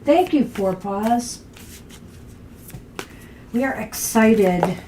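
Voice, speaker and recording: A woman's voice: a little high, expressive, extremely slow, background noise. Chatty, upbeat woman reading tarot. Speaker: tarot reader, co-host. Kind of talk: casual live-stream tarot chat.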